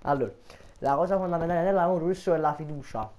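A young man with a Neapolitan accent, performing a comedy sketch in rapid, teasing banter. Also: a little high, a little mellow, lo-fi sound.

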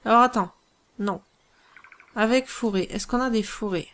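Her voice a little high and a bit bright, a woman hosting a let's play muses her way through strategy gameplay. She hesitates often, pausing frequently as she thinks out loud.

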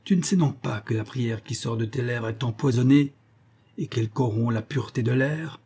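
A man voicing a bitter young man who bursts out loudly in scorn and anger. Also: mid-range voice, steady tone, normal speed, close to an everyday voice. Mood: scornful. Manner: loud, scornful outbursts.

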